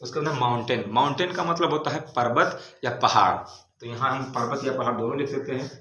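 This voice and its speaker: A man teaching English vocabulary as a classroom lesson. He spells each word letter by letter, then repeats its meaning with a steady "ok". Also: mid-range voice, brisk. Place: large classroom. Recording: echoey room, faint background noise.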